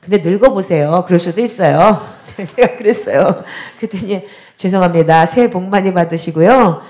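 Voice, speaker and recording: Her voice lowish and darkish, moving at normal speed, a middle-aged woman pastor recounts a story from the pulpit. It's a testimony during a prayer service, and she voices the other characters along the way.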